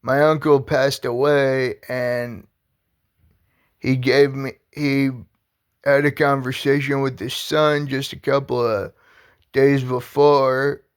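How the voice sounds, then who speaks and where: A man talking casually on his own vlog, halting and rambling with many restarts, earnest and heartfelt. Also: medium pitch, flat delivery, clear, resonant tone. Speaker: vlogger. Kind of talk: casual personal vlog talk.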